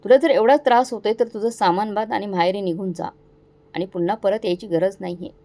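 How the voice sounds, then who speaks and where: A woman's voice: mid-range voice, steady tone, a little fast, lightly acted. Woman voicing a mean young husband, bossy and angry, storybook. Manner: shouting, commanding.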